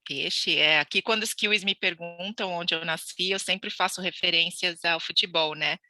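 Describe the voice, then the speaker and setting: A woman from Santos, Brazil, speaks at a moderate pace in a fairly low, bright, forceful voice. Guesting on a podcast, she tells her immigration story casually, laughing and restarting often. The recording is dry.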